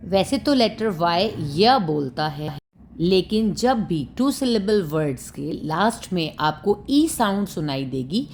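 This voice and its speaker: A woman teaching a phonics lesson, slowly spelling out sounds and repeating example words. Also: lowish voice, sing-song, a little mellow, a little hiss or hum. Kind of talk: phonics lesson narration in Hindi with English.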